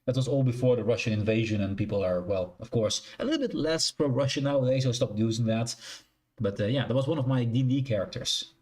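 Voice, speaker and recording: A man's voice: mid-range voice, fast talker, a little mellow. A young Dutch man with a Dutch accent, chatting casually with his live-stream chat from a shared living room, rambling and correcting himself as he goes. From Netherlands.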